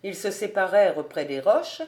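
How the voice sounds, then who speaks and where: A woman narrating an audiobook of a classic novel in a measured reading voice. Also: mid-range voice, expressive, a little mellow. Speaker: audiobook reader.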